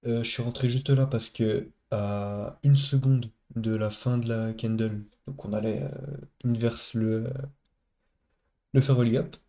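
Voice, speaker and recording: Mid-range, warm and steady, this man's unhurried voice carries a head cold and blocked nose. He casually talks viewers through his trade in a screen-recorded recap, addressing them as buddies and hesitating a lot.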